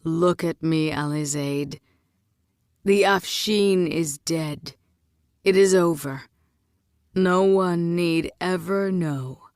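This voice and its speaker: A woman's voice: on the low side, slow, long pauses, a little mellow, clean tone, dry recording, clean studio sound. A woman voicing a grave, stubborn old king. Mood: gentle. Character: stern aging male king, grave and stubborn.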